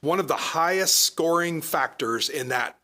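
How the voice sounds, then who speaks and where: A man serving as town manager, explaining matters earnestly at a council meeting, hoarse as he loses his voice. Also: fairly high pitch, animated, measured pace, sharp tone, a little hiss or hum. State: losing his voice. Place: council chamber.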